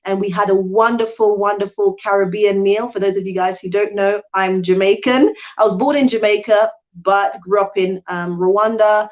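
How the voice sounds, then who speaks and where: A woman raised in the UK talks to her viewers on a live stream Q&A. She chats easily, full of ums and self-corrections. Her voice sits at an everyday middle pitch, and the stream audio is slightly dull and muffled. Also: fairly even intonation, normal speed, few pauses. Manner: chatty, with frequent ums and restarts. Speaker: channel host and hotel owner.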